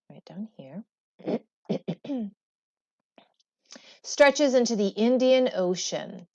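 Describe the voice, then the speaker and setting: A woman teacher reads aloud from a textbook in a deliberate, expressive way, adding brief explanatory asides. Her voice is mid-range, and the highs are cut off.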